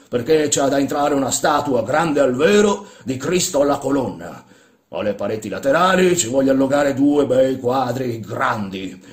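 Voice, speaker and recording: A man reading as a gruff, bossy old man. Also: medium pitch, voice pushed up, natural voice. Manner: loud, scolding, commanding. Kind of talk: dramatic literary reading. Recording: roomy echo.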